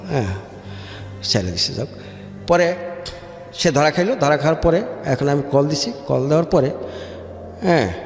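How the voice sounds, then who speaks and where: A Bangladeshi-accented man with a medium-pitched, darkish voice shares his life story on a radio interview. He sprinkles in English words and checks that he's being followed. Background music plays in the echoey room.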